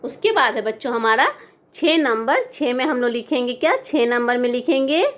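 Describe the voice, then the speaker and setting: A woman's voice: on the high side, expressive, normal speed. A woman teaching young children, patiently dictating spellings letter by letter and repeating each word. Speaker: primary school teacher. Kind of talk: online class lesson, slow dictation of spellings.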